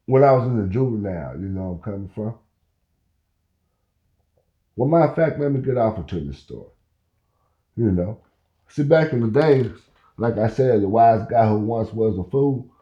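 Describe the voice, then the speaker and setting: In a muffled recording from an echoey room, an Oklahoma podcast host in his fifties rambles through a story in casual talk, often adding "you know where I'm coming from." His voice is on the low side and animated, at normal speed with frequent pauses.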